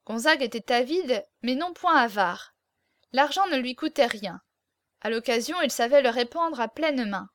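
A woman narrating a classic novel as an audiobook in a measured, even storytelling manner. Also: a little high, dry recording, studio quality.

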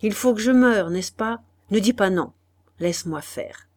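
Desperate young wife, grim and set on her choice, high and loud, pleading then harsh, as a woman reads her in an audiobook. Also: a little slow, natural voice. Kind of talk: audiobook dialogue reading.

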